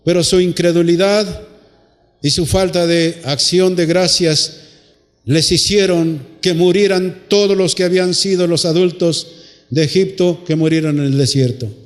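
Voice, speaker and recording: A man delivers a sermon to his congregation, stretching key words and pausing on rhetorical questions. His voice sits high for a man. The recording carries the long reverb of a church hall. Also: fairly even intonation. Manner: drawn-out emphatic phrases. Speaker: preacher.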